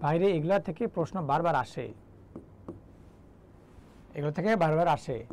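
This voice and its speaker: A man's voice: on the high side, animated, moderate pace, darkish tone, a little hiss or hum, rough recording. A young man from Bangladesh teaching English grammar in a live online class, chatty and joking as he quizzes students. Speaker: English tutor.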